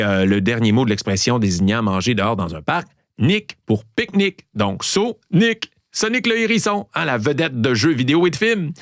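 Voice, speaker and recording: A man with a Québécois accent hosting a show, playfully telling riddles and trivia and repeating each clue slowly. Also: medium pitch, no room sound. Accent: Québécois French. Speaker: podcast host. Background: background music.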